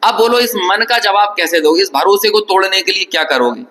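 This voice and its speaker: A man's voice: sits high, fairly quick, sharp tone. A man giving a religious discourse in a lecture hall, asking his listeners rhetorical questions and acting out little dialogues. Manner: asks the audience rhetorical questions; acts out dialogues from anecdotes. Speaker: Jain scripture lecturer. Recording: long hall reverb.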